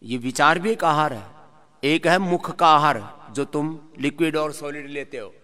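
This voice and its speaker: A man leading a live yoga class, giving instructions and lively talks on health while joking with the group. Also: fairly high pitch, measured pace. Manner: lively, sings verses, jokes with class. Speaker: yoga teacher.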